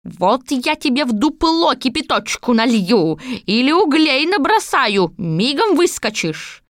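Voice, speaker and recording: A woman's voice: high-pitched, sing-song, measured pace, no room sound, studio quality, voice pushed up. A woman voicing a cranky old witch in an audiobook fairy tale, scolding and bossy.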